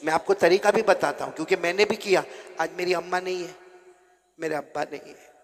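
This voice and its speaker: Gravelly high-voiced preacher guy, storytelling sermon, soft then shouting, long hall echo. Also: brisk. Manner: swings from soft murmurs to shouted peaks; addresses listeners as "my dear ones". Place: village gathering. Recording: echoey hall reverb.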